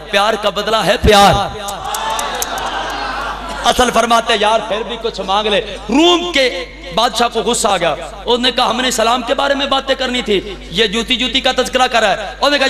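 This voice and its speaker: Male preacher, very high voice, acts out the stories and rouses the gathering, echoey hall. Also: pushed and bright. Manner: acts out the voices in his stories, calls the crowd to answer. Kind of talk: religious speech at a gathering.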